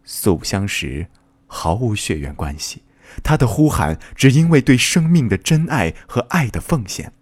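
A man's voice: lowish voice, big pitch swings, moderate pace, breathy edge, dry recording. A man reading a short story aloud in an earnest, dramatic way. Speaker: reader.

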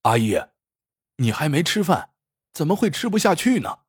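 A man voicing a fat, scheming male shopkeeper who mocks and tests a blind customer, with a husky, teasing manner in a storybook tale. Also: fairly high pitch, sing-song, normal speed, no echo, clean studio sound, voice pushed up. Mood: mocking. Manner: sneering, teasing.

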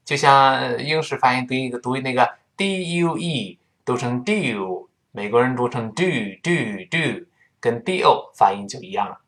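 A man teaching English pronunciation, demonstrating each sound by repeating it slowly. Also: medium pitch, a bit bright.

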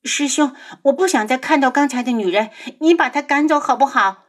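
A woman's voice: high-pitched, a little fast, pitched above the performer's own voice, close to an everyday voice. A woman voicing a frightened, clingy young woman who pleads in a tearful, sobbing voice.

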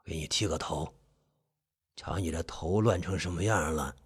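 Gruff old uncle, voiced by a man: hoarse, very deep, slow and scolding. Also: exaggerated voice. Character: old village uncle, gruff, stern barber.

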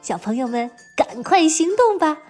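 Very animated, high-voiced woman storyteller for children. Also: moderate pace, faint music behind. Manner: reading to a young child, with exaggerated emphasis and frequent questions. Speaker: children's teacher and storytelling show host.

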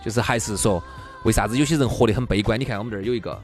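A man's voice: on the low side, very fast, faint music behind. A man with a Sichuanese accent co-hosting a talk show, bantering casually and emphatically with examples and mimicked replies.

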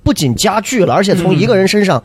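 A man with a fairly high, lively voice muses thoughtfully in casual conversation, dropping in the odd joking aside. The sound is dry and close, with no room around it. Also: fast, breathy edge, no room sound. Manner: reflective, musing, joking asides. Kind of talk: casual chat.

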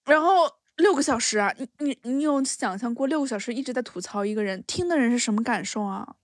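A woman chatting on a podcast, telling an animated story, laughing often and acting out what people said. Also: fairly high pitch, fast talker, no echo, clean studio sound. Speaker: podcast co-host. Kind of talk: casual chat, storytelling.

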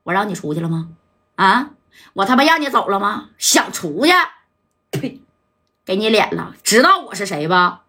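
A woman's voice: mid-range voice, big pitch swings, fairly quick, pushed and bright, husky, heavily acted. A woman voicing a brash, crude male gangster boss who taunts and threatens. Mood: menacing.

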